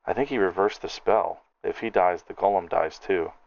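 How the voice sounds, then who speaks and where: A man voicing a calm, stern male paladin with a dry wit, speaking in a measured way. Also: deep voice, gravelly, dull audio.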